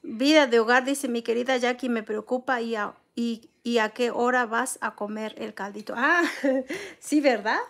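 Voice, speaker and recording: A woman's voice: a little high, measured pace. A middle-aged woman hosting a casual livestream, reading out viewers' names and comments and answering them in a consoling way. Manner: warm, consoling, reads viewer names aloud; eats soup between comments. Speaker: livestream host.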